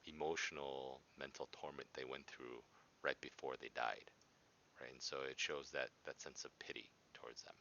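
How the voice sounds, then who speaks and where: A dull, lo-fi recording of a male teacher with an extremely low but bright, forceful voice. He walks through a lesson informally, explaining in a hesitant way and checking in as he goes. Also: slight background noise. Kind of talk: informal lesson walkthrough of a reading passage. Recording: dull, lo-fi sound.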